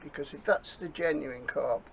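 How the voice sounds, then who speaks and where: Gravelly man muttering in workshop. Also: fairly high pitch, moderate pace. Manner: muttering to himself while working. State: out of breath. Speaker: small engine repairer. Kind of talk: casual workshop commentary. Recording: dull lo-fi audio with clear background noise.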